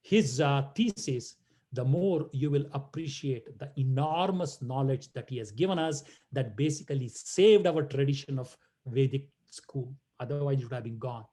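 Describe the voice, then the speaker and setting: A man's voice: medium pitch, moderate pace, dark tone. A man giving a playful talk to children over a video call, teasing and chanting verses. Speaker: guest speaker.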